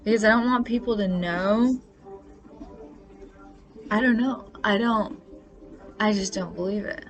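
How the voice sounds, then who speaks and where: A woman's voice: medium pitch, unhurried, long pauses. A woman in her twenties talking in a casual confessional monologue, rambling and filling her speech with "like" and the odd swear word.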